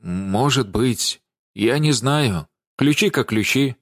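A man's voice: medium pitch, expressive, measured pace, no room sound, clean studio sound. A man reading an audiobook and voicing a cowardly young man who pleads and stammers in a bleating tone. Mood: flustered.

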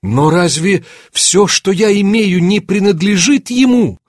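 A man's voice: sits high, lively intonation, moderate pace, a little mellow, breathy edge, no room sound, clean studio sound, voice pushed up. A man voicing a distraught young woman. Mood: despairing. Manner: pleading, voice rising in alarm. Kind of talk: audiobook character reading.

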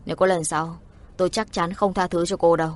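A woman's voice: fairly low pitch, fast, darkish tone, close to an everyday voice. A woman voicing a cold, stern young man who speaks in clipped warnings.

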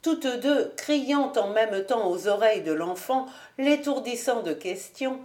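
A woman reading a classic novel aloud as an audiobook narrator, in a lively, expressive reading style. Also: on the high side, a little slow. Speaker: audiobook reader. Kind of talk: storybook narration.

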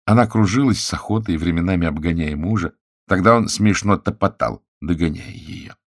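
A man narrating an audiobook in a measured, expressive reading. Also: low-pitched, dry recording, clean studio sound. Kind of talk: scripted narration.

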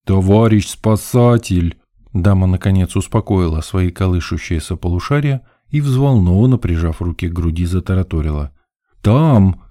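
A man's voice: low voice, expressive, a little fast, few pauses, warm tone, no echo, clean studio sound. A man narrating an audiobook in a wry, ironic first-person style.

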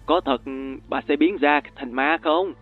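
A man's voice: a little high, a little slow, breathy edge. A teenage boy talks in a casual, teasing, dismissive way, voiced by a man reading a storybook. The sound is tinny and lo-fi with faint music beneath it. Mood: mocking.

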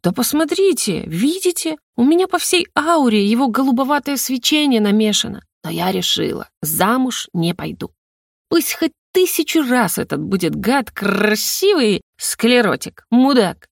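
A woman's voice: a little high, big pitch swings, normal speed, vocal fry, no echo, clean studio sound, voice pushed up, heavily acted. A woman voicing a drunk, giggly young woman stuck in a man's body, slurring and gushing in an audiobook. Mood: tipsy. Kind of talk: audiobook character reading.

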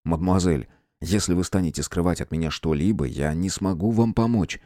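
A man reading an audiobook, voicing a calm, formal gentleman detective with measured, courteous speech. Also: low voice, no room sound, studio quality, lightly acted. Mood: firm. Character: calm, firm gentleman detective of old times.

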